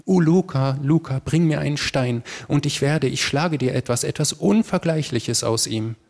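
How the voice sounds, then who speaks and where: A man's voice: on the high side, moderate pace, darkish tone, husky, pitched above the performer's own voice. A man voicing a theatrical actor who mimics a grand sculptor, grandiose and exclamatory. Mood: ecstatic.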